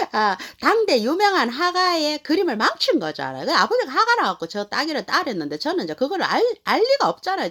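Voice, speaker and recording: Animated middle-aged woman telling a story. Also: a little high. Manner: animated, rambling with many fillers. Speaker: channel host. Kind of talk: casual storytelling.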